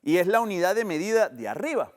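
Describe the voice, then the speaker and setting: A male math teacher with a Colombian Spanish accent, speaking in a high, lively voice for his age and sex. His pitch swings widely as he explains step by step and points out what he is showing. He sounds like a presenter on an educational TV lesson. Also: fast talker. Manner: animated, explains step by step with demonstrations.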